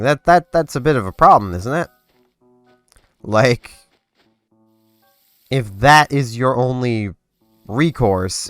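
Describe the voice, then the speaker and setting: A congested young man hosts a gaming channel, rambling casually over gameplay with plenty of fillers, restarts, and self-interruptions. His voice is lowish and a bit bright, with a clean tone and no echo. The recording is dry and close, with faint game music behind him.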